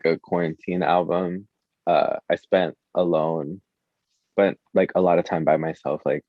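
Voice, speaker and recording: A musician chats casually as an interview guest in a low voice, his talk informal, slangy and hesitant, with "like" at almost every turn. The recording is dry and lo-fi.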